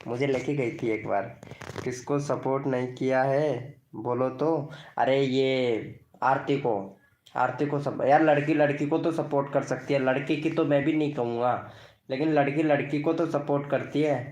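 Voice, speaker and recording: A man hosts a casual live stream to promote channels. He teases viewers by name in a playful, chatty way. His voice sits at an ordinary middle pitch. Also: fairly even intonation, moderate pace, a little mellow.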